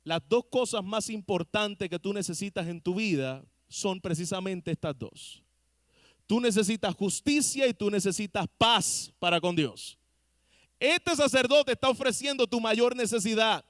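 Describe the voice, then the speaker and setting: A man with a high, slightly bright voice preaches as pastor in church, speaking unhurriedly and earnestly straight to his listeners and asking the congregation rhetorical questions. The recording is clean studio sound without echo.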